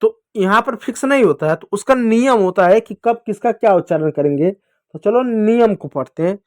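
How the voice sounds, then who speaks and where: Male teacher, high voice, dry close sound, patient children's phonics lesson. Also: moderate pace, no echo. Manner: patient, repeats and asks pupils questions.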